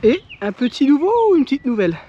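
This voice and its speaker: A man with a fairly high voice talks casually to the camera outdoors at a rural property. He explains his renovation work in a loose, chatty manner with the odd swear word. A faint noise sits behind him. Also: sing-song, fast talker, muffled recording. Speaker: home renovation vlogger.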